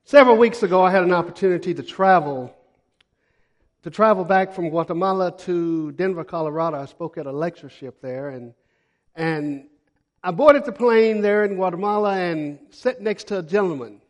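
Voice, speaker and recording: A high-voiced male missionary preaches a sermon to a church congregation at a moderate pace, weaving in folksy stories. He repeats phrases for emphasis, and his delivery swings between loud and hushed.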